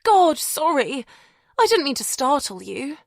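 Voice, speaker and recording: A woman narrator voicing a bubbly, decisive young woman in an audiobook, bright and emphatic. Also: a little high, sing-song, normal speed, no room sound, clean studio sound, voice pushed up. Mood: apologetic.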